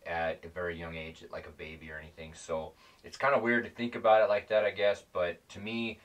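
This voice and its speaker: A man's voice: low-pitched, a bit bright, far from the mic. A man giving a casual, rambling instructional talk as a calling instructor, plain-spoken and often correcting himself mid-sentence.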